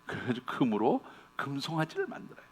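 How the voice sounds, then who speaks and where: A male pastor delivering a sermon in an earnest, direct way. His voice sits at an ordinary middle pitch. He retells the scripture stories in plain, casual language for the congregation. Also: wildly swooping pitch, brisk, slightly rough.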